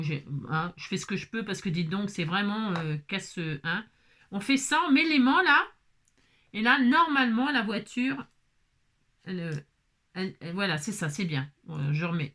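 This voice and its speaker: A woman's voice: lowish voice, normal speed, a bit bright. A woman vlogging casually as she assembles a craft kit, chatting to viewers, exclaiming and muttering to herself when pieces go wrong.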